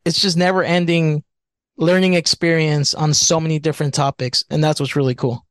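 A man's voice: fairly high pitch, level tone, fairly quick, a bit bright, no echo, clean studio sound. A bartender chatting casually on a podcast, a man who rambles with lots of fillers. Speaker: bartender, guest.

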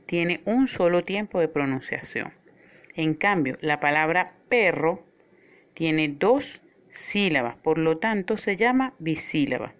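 A female teacher delivers a scripted spoken lesson in a clear, measured way, slowing down to emphasize key words. Her pitch is fairly low, and the recording has its high frequencies cut off.

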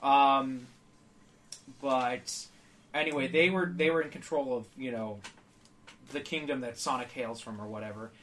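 A man's voice: medium pitch, a little slow, pauses often, a bit bright, far from the mic, slight background noise. A man co-hosting a casual podcast chat, teasing his friends and laughing while he talks. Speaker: podcast co-host.

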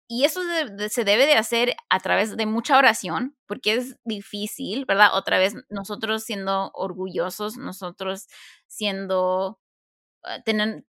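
Woman podcast cohost, bright voice w some fry, acts out quotes, asks listeners stuff. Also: mid-range voice, no room sound, clean studio sound. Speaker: podcast co-host. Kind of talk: faith-based podcast chat.

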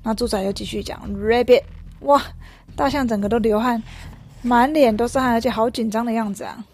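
A woman reading a picture book aloud to a child, explaining each page in a lively way and asking the child questions. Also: a little high, brisk.

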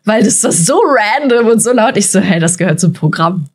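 A woman's voice: medium pitch, fairly quick, background noise. A woman co-hosting a casual podcast, telling stories from her comedy shows with lots of quoted dialogue and fillers. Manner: animated retelling with quoted dialogue, many fillers. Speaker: podcast co-host, stand-up comedian. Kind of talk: casual podcast chat, storytelling.

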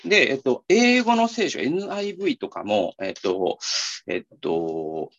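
A man's voice: mid-range voice, big pitch swings, measured pace, muffled recording. A man hosting a talk, explaining at length in a casual, rambling way with many fillers and restarts. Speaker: talk show co-host.

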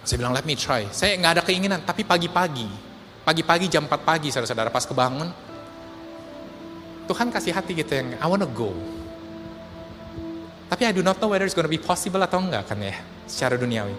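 A male pastor preaching a sermon, telling a personal story, often addressing the congregation and mixing in English phrases, swinging between loud and soft. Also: fairly high pitch, lively intonation, quick pace. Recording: hall with long reverb and faint music.

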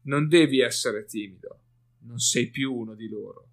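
A man voicing a gruff male warrior who growls and mocks, with faint music behind. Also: mid-range voice, normal speed, natural voice. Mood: growling. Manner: growling, mocking.

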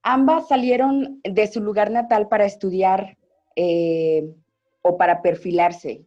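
A woman's voice: medium pitch, steady tone, slow, dark tone, lo-fi sound, soft background music. A woman hosting an interview, keeping it moving with brief encouraging prompts. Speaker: host.

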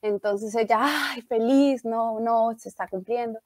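Lively woman retelling a story. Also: on the high side, a little slow, no room sound. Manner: animated storytelling, acts out quoted lines. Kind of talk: casual retelling of a tragedy.

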